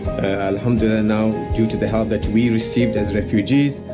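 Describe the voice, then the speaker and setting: A man's voice: on the low side, little pitch movement, normal speed. A man from Somalia, a former refugee and pharmacist, telling his story plainly and earnestly in a short film, with many "uh" fillers. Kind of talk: personal testimony in a short film. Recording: loud guitar music under the voice.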